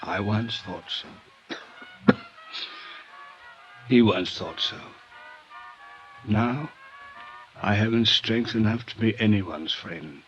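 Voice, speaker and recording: A man's voice: lowish voice, slow pace, long pauses. An actor playing a bitter, drunk older man with florid, formal, theatrical speech in a 1950s radio drama. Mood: melancholy, weary. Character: bitter drunken aging former friend of a racketeer, world-weary. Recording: dull vintage radio recording, music behind.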